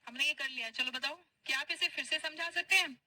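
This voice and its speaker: High-voiced patient English teacher woman. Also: pushed and bright, no echo, rough recording. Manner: patient, drills phrases slowly and repeats them. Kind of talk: spoken English class for Hindi speakers.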